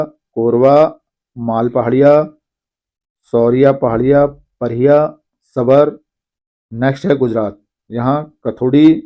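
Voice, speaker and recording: A man teaching an exam-prep lesson, reading long lists of names slowly and pausing to explain. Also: medium pitch, warm tone. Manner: reads names slowly, apologizes for pronunciation.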